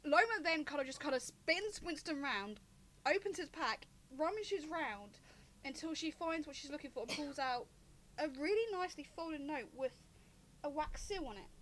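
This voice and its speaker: High-voiced woman running a tabletop game. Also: animated, a bit bright, a little hiss or hum. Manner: quick, descriptive narration with restarts. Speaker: game master.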